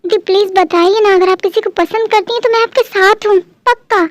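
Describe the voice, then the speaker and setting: A high-voiced performer voicing an earnest, gentle young man who is a husband and brother, in a fan dub drama, speaking softly and coaxingly. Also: fairly even intonation, fairly quick, no room sound, studio quality. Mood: pleading.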